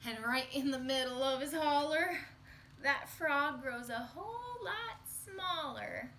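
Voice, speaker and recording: This high-pitched woman takes her time reading a picture book aloud to small children, expressive and sing-song as she tells the story. A slight hiss or hum is audible.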